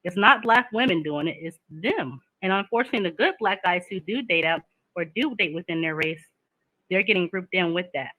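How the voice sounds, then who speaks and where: A woman's voice: fairly low pitch, animated, fairly quick, a bit bright, no echo, low-quality recording. A woman, talking candidly in a casual chat and laughing often.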